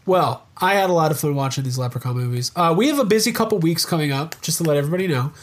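A man's voice: on the high side, expressive, very fast. A man hosting a podcast in a casual, chatty style. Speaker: podcast host. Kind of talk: casual chat.

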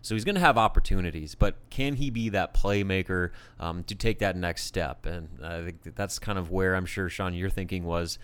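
Smooth, low American male sports analyst. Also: normal speed, hardly any pauses, a bit bright. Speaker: sports show panelist.

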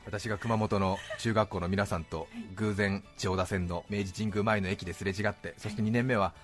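A man hosting a radio talk show and telling an anecdote in a casual, animated way, acting out the other people's lines and laughing often. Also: lowish voice, normal speed, music in the background. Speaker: radio host.

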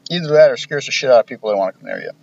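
Wry, profane ex-cop telling stories. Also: male voice, medium pitch, rapid-fire. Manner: profane, wry, deadpan storytelling with quoted dialogue. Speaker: retired police officer telling stories. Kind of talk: casual storytelling. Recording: dull lo-fi podcast recording, faint hiss.

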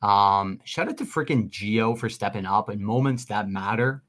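Young male podcast cohost, animated rambling storyteller, lots of ums. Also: fairly low pitch, moderate pace. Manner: excited, rambling with fillers. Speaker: podcast co-host. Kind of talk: casual storytelling.

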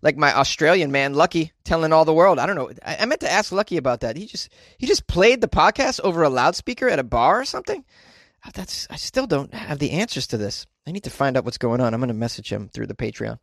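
Male podcast host from Boston, slightly high voice, loose self-mocking ramble, dry close closet sound. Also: expressive, quick pace, fairly bright tone, dry recording. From Boston, United States. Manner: joking, self-deprecating, profane asides. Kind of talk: casual, rambling podcast outro. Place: small closet, indoors.

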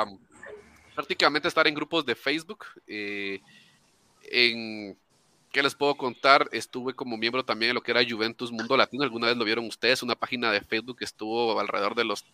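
A man from Nicaragua talks casually on a podcast, hesitating often and circling back with fillers. His voice is very bright and forward, and it sounds dry and close. He comes across as a chatty guest. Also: medium pitch, moderate pace, clear, resonant tone, no room sound. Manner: talkative, hesitant with many fillers. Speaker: fan group founder, guest.

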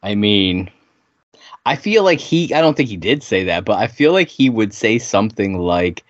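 Easygoing low-voiced podcast co-host. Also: male voice, very animated, moderate pace, no echo. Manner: easygoing, laughs often, rambling. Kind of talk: casual chat recapping a sitcom episode. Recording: dry, dull lo-fi sound.

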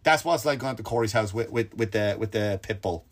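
A man hosting a comedy podcast, ranting animatedly and swearing, with his voice jumping up when he gets worked up. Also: a little fast. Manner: animated, swearing, pitch leaps when excited. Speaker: podcast host. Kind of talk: comedic storytelling rant.

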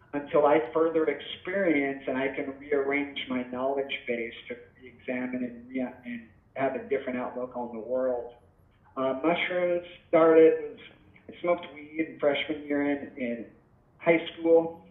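A man in his thirties talks through his ideas in a loose, rambling way, often backing up to restart a thought. His voice sits a little high. It comes through a tinny phone line with a hollow, echoey ring. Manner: rambling and reflective, with frequent restarts. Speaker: podcast guest. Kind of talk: casual podcast talk.

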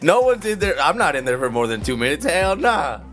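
A man's voice: on the high side, big pitch swings, a little fast, fairly bright tone, soft background music. A young man telling casual comic stories to friends in a slangy, profane frat-bro manner.

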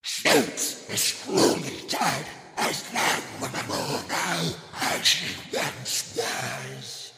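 A man voicing a screeching, whispery spirit like a carrion bird, which speaks through an actor slowly and eerily. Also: medium pitch. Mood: eerie. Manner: slow, drawn-out, eerie. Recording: roomy echo with clear noise.

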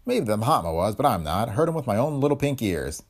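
Dude doing a hard-boiled pi, husky and gravelly, quick with a comeback. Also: male voice, mid-range voice, big pitch swings. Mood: terse. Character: wisecracking tough male private detective.

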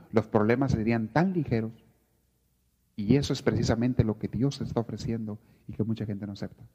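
A man preaching a sermon in a church, animated and often acting out people's complaints. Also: medium pitch. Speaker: priest. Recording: reverberant lo-fi church recording.

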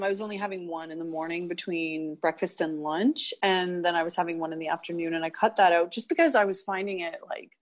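A woman from Canada, a podcast guest, chatting casually and laughing often as she acts out what people said. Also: mid-range voice. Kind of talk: casual interview chat.

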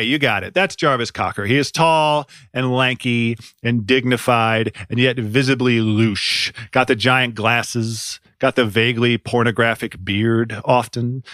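A man narrates a scripted music podcast in a dry, sardonic, wry manner. His voice sits at a middle pitch. The sound is dead dry and close, with no room at all. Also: a bit bright, no echo. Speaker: podcast host.

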